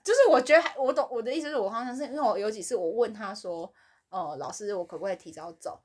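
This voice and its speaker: A woman co-hosting a podcast, telling a workplace story in casual chat and acting out the other people's lines with big swings in her voice. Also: quick pace. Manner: animated, acts out quoted voices with big pitch swings. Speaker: podcast co-host.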